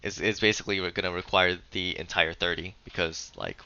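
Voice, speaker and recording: A man's voice: deep voice, fairly even intonation, a little fast, sharp tone, dull audio, faint music behind. A man narrating as game master of a tabletop game, often stumbling and repeating words.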